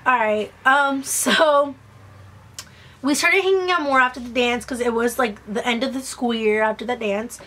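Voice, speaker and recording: A woman's voice: a little high, normal speed, fairly bright tone. A young woman telling a casual, gossipy storytime in a slangy, self-mocking way, swearing and acting out the dialogue. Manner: acts out quoted dialogue. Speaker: vlogger.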